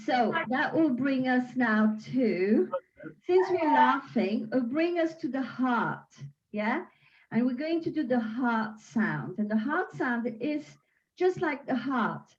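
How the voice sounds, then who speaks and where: Gentle, slow-spoken woman guiding breathing. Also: high-pitched, big pitch swings, muffled recording. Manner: gentle, soothing, unhurried. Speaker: qi gong teacher. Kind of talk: guided breathing session. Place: home.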